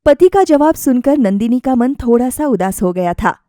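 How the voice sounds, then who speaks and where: A woman's voice: a little high, lively intonation, normal speed, mellow, no echo, studio quality. A woman storyteller reading a scripted story as narrator.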